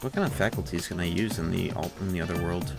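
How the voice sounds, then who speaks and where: Low-voiced ranting game streamer man. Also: fast talker, vocal fry, over music. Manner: rambling, ranty, swears freely. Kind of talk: casual livestream chat.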